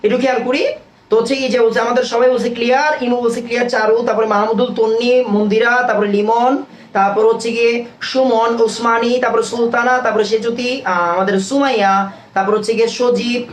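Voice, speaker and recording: A young man with a very high voice teaches a live online chemistry class, talking quickly and casually and constantly prompting his students with questions. The recording has roomy echo and slight background noise.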